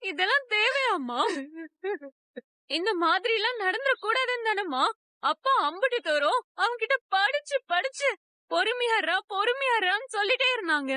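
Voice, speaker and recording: A woman's voice: very high voice, lively intonation, normal speed, pushed and bright, no echo, full character voice. An actress dubbing a reproachful woman of the family who comforts and scolds in a TV serial. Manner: reproachful, pleading. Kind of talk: dubbed TV serial dialogue.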